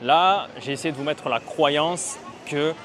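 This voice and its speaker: A man's voice: a little high, slow, crowd noise. A man talking casually and bluntly to camera outdoors on a city street, teaching Mandarin learners, with some swearing. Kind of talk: casual vlog talk to camera. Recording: street traffic noise behind.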